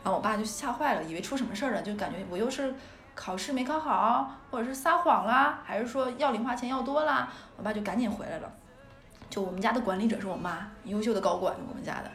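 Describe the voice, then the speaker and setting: A woman from northeast China hosting a podcast, telling childhood stories in a casual, animated way and laughing often. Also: fairly high pitch, fast talker. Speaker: podcast host. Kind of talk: casual storytelling chat. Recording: roomy echo.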